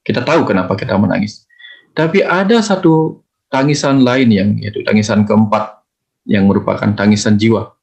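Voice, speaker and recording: Male spiritual teacher, low voice, slow and measured, explains with parables. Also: gravelly, a little mellow. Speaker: spiritual teacher answering questions. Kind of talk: calm reflective teaching talk.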